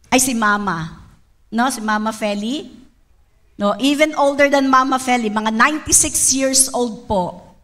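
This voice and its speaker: A woman with a Filipino accent preaching a sermon, calling for amens and slowing down on key lines. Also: high-pitched, sharp tone. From Philippines. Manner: emphatic, calls for amens, draws out key words. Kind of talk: sermon mixing Filipino and English.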